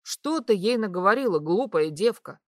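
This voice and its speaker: A woman's voice: mid-range voice, expressive, normal speed, no echo, clean studio sound, close to an everyday voice. A woman voicing an exasperated young husband who mutters his complaints. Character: grumbling young man, worried husband.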